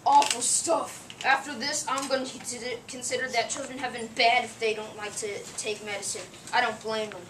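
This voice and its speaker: A woman's voice: on the high side, fairly even intonation, brisk, few pauses, lightly acted. A woman playing a grumpy old Santa Claus with a cold, blustering and indignant in an amateur play reading. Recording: echoey room, distant mic, noise.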